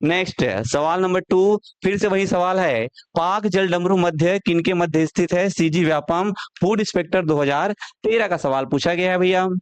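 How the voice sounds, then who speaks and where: High, crisp-voiced exam tutor. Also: male voice, normal speed, few pauses, dry recording. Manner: asks questions and answers them himself, repeats key facts. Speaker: exam-prep teacher. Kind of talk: online classroom lecture.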